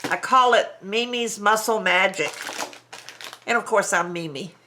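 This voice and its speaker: Unboxing a craft kit at home for her vlog, an older woman with a stuffy, congested nose talks into her camera mic at a measured pace in a sharp, medium-pitched voice. She's chatty and a bit rambling, restarting and laughing softly, with slight background noise behind her.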